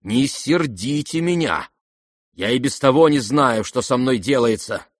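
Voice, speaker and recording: A man's voice: medium pitch, expressive, moderate pace, no room sound, clean studio sound, lightly acted. A man reading aloud and voicing a proud, irritable young noblewoman who speaks sharply and indignantly.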